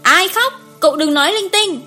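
A woman voicing an upset pregnant young wife, sharp and defensive, in an audiobook story. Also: a little high, fairly quick, soft background music, close to an everyday voice. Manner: sharp, defensive, then calm and resolute.

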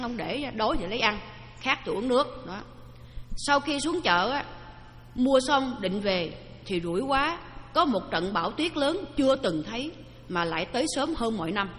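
Woman dharma teacher, lively storyteller, higher voice, long hall reverb. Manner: lively, questions the audience.

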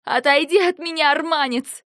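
A woman's voice: mid-range voice, steady tone, moderate pace, no room sound, clean studio sound, lightly acted. A woman reading an audiobook, voicing a frightened and defiant young heroine whose lines are emotional and pleading. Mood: furious. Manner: emotional, pleading, rising to shouts. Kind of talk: audiobook dialogue.

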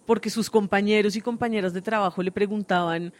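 A woman's voice: medium pitch, steady tone, brisk, a little mellow. A woman hosting a conversational radio interview, explaining her thoughts at length with many hesitations. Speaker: host.

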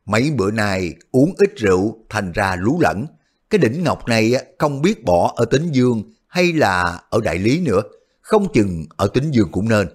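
A man's voice: on the low side, sing-song, moderate pace, breathy edge. A man voicing a bold, shrewd male warrior hero who talks in a wry way, feigning forgetfulness.

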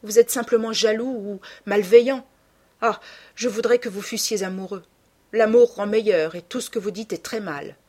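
A woman voicing Sibyl, a joyful, dreamy young actress in love, speaking brightly and with exclamations. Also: medium pitch, normal speed, slightly rough, close to an everyday voice. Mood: chiding.

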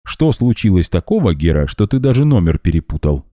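A composed, perceptive young woman who speaks thoughtfully and evenly, as a deep-voiced male reader puts her on. The voice stays low and dark. Dry close recording. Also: very animated, fairly quick, no room sound.

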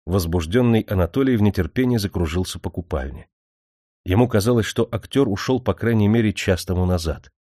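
Male audiobook narrator, lowish voice, dry close read. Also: fairly quick, warm tone, no echo.

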